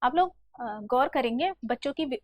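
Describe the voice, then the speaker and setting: A woman with a high voice teaches a grammar lesson, sounding out each letter slowly and explaining step by step. She speaks to her students affectionately as "beta." The sound is dry and close, with no room echo. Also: expressive. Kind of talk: classroom lesson.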